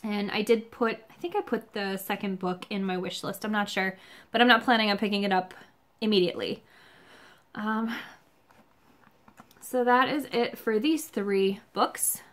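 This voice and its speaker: Woman in her 30s doing a chatty book vlog, kinda musing, medium pitch, talking to camera in her room. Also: normal speed, long pauses, fairly bright tone. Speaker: book reviewer. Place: small home room, indoors.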